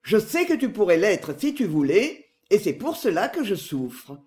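Pushy, falsely tender middle-aged brother, voiced by the narrator, close to the narrating voice, lively in pitch. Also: measured pace. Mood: wheedling.

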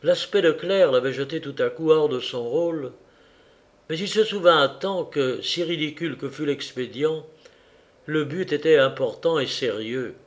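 A man narrating a classic novel in a measured, steady reading voice. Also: a little high. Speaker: audiobook narrator.

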